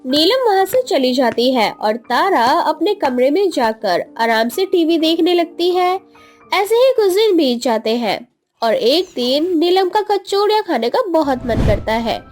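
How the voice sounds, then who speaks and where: A woman narrating an animated moral story in a lively storytelling manner. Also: high voice, unhurried, faint music behind.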